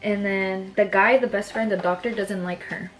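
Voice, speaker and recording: A woman's voice: medium pitch, fairly even intonation, moderate pace, faint music behind. A young woman vlogger telling a story in a casual chat, often checking in with "right?".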